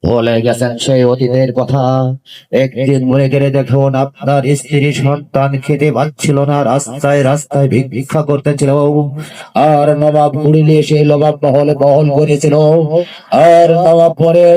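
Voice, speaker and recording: Hammy folk-stage courtier, male actor: scheming, vengeful, theatrical drawn-out declamation, somewhat raised pitch, very mellow dark tone. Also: fairly even intonation, natural voice, low-quality recording. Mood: accusing, indignant.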